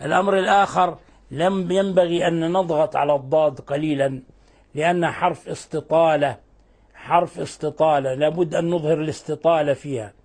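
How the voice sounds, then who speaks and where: An older man teaching Quran recitation rules, explaining patiently and reciting verse examples slowly and drawn out. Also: a little high, steady tone, darkish tone. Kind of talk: tajweed lesson with recited examples.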